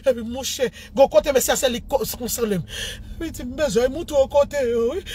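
A woman's voice: sits high, moderate pace, warm tone, slight background noise. A Haitian woman telling a comic personal story, breaking into mock wailing and laughter and switching between Creole and French. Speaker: social media storyteller.

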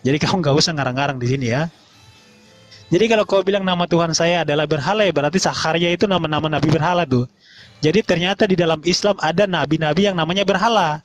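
A man with a fairly high voice argues in a heated online debate. He lectures combatively and slows right down to spell out words and drive his point home. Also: soft background music.

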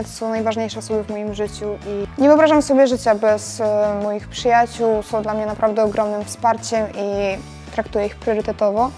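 A woman's voice: fairly high pitch, warm tone. A young woman giving thoughtful interview answers in a living room, recorded on a clip-on microphone. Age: young adult. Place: large living room with sofa.

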